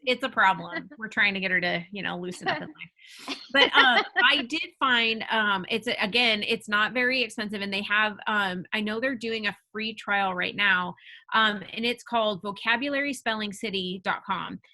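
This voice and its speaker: A woman's voice: medium pitch, normal speed, sharp tone. A woman on a panel, a homeschooling parent, talking candidly and rambling a little. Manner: candid, rambling, laughs easily. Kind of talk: casual panel discussion.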